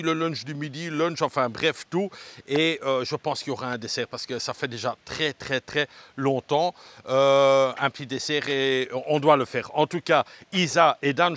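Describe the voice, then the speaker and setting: Breathless and hot on an outdoor ridge path, a male travel vlogger keeps up a chatty, joking patter aimed right at his viewers. His voice is on the high side with a fairly bright tone, in a dry recording.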